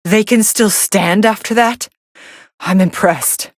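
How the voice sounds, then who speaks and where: A woman playing a cool, sardonic young female android who commentates on fights in a video game, deadpan, dry and aloof. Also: medium pitch, slow, dry recording. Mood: surprised.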